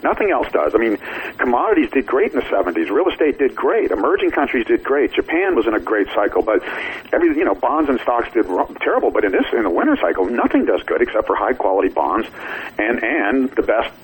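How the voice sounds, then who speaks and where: A man's voice: mid-range voice, sing-song, quick pace, a little hiss or hum, low-quality recording. A man speaking as a financial expert in a casual radio interview, blunt, emphatic and colloquial. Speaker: financial author and newsletter publisher, interview guest.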